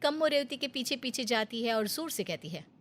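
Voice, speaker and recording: A woman narrating a storybook tale in a steady, plain manner. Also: on the high side, brisk.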